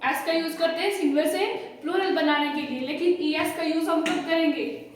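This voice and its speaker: A woman teaching a spelling lesson to a class, slow and questioning, repeating the answers back. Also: very high-pitched, steady tone. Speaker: English teacher. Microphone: far from the mic. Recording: very echoey room from far off.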